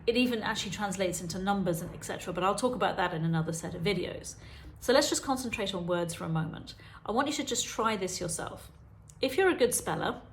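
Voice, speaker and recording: A woman's voice: mid-range voice, a little hiss or hum. A woman, a dyslexia specialist, explaining spelling and reading directly to the viewer in a teaching video. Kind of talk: talking-head teaching video.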